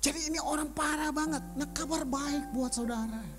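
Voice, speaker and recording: A man preaching a sermon as pastor, animated, swinging from loud emphasis to whispers and mixing in English words. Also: very high voice, brisk. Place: church auditorium.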